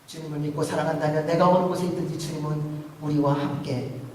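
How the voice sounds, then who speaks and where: High-voiced male pastor in echoing hall. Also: fairly even intonation, quick pace, a little hiss or hum. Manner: swings from loud emphatic appeals to hushed pleading; preaches in rhetorical questions. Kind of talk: Sunday sermon. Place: large church sanctuary. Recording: echoey hall, voice from far off.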